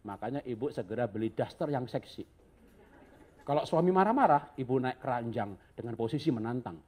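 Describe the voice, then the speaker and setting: A man's voice: medium pitch, lively intonation, fairly quick, dark tone. A man preaching a humorous sermon, joking and chuckling often as he talks.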